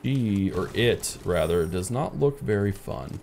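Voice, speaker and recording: A man's voice: on the low side, animated, unhurried, gravelly, a little mellow, soft background music. A man in his thirties hosting a casual let's play, thinking aloud in an easygoing way. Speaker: gaming channel host. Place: indoor room.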